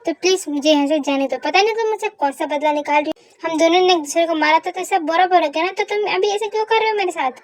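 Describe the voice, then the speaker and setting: A woman's voice: very high-pitched, fast, dry recording. A young woman voicing a scared, pleading heroine. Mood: defiant. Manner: pleading, tearful, talks back sharply. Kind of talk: fan audio drama reading.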